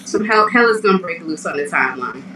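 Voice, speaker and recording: A woman's voice: lowish voice, expressive, fast talker, crowd noise. A woman co-hosting a podcast, chatting in a laid-back, matter-of-fact way. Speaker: podcast co-host. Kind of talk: casual chat. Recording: echoey distant mic with background noise.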